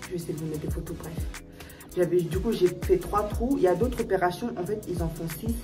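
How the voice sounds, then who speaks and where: A young woman speaks straight to her viewers in a casual storytime vlog, circling back over the same points with many fillers and restarts. Her voice sits on the lower side and a little off-mic, with faint music playing underneath. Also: brisk, recorded from a distance. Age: young adult. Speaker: vlogger.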